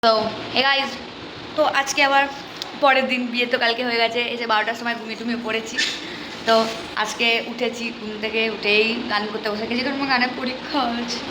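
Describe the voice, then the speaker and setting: A woman vlogging in casual chat, playful and teasing, slightly hoarse, recorded on a phone outdoors. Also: on the high side, fairly even intonation, fast talker, noisy background. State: hoarse throat. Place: outdoors, wedding and village roads.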